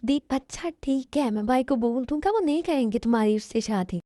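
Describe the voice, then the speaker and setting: A woman's voice: sits high, lively intonation, brisk, dark tone, no room sound, clean studio sound. A woman voicing a caring young male college student in an amateur dubbed love story, talking in an earnest, soothing way.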